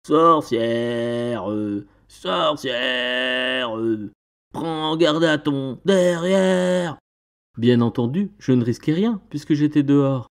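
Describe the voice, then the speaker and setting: A man narrating a storybook tale in the first person, with an expressive, theatrical delivery. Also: medium pitch. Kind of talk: storybook narration read aloud.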